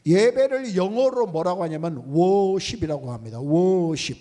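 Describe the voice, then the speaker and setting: A man preaching with a high, animated voice that rises and falls widely. His tone is mellow and dark, and he leans hard on key words, repeating them. The sound carries a long reverb from a large church sanctuary. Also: normal speed. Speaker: pastor. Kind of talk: sermon.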